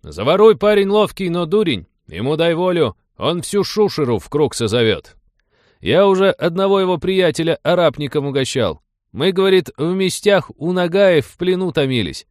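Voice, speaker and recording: A cocky young noble cossack with a raised, loud, taunting voice that snaps out insults, as a male narrator puts him on. He is hot-headed and scornful, all bluster and sneer in a storybook reading, recorded dry and close. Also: on the high side, sing-song, moderate pace, no echo, voice pushed up. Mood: mocking.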